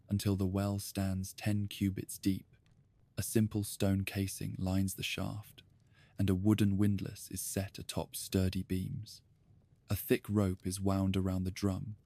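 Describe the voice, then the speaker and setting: Speaking to the listener as "you," a man with a low-sitting voice tells a calm, softly spoken history story for bedtime. His delivery stays even, and there's no room sound at all.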